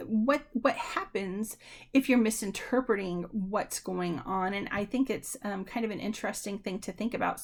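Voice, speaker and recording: A woman giving a university lecture in a conversational way, with frequent ums and restarts, talking straight to her students. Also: medium pitch. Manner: addresses students directly. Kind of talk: recorded lecture.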